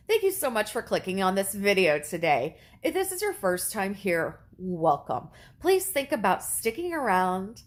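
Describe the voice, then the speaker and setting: A woman speaks to her viewers in a casual, chatty vlog, her delivery slow and unhurried. She sounds animated and heartfelt, hiccuping and choking now and then. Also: medium pitch. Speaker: YouTuber. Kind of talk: casual chat to camera.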